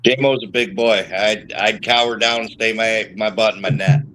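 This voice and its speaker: A man co-hosting a podcast, chiming in with quick wry remarks. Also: lowish voice, fairly even intonation, fairly bright tone, a little hiss or hum, low-quality recording. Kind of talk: casual podcast chat.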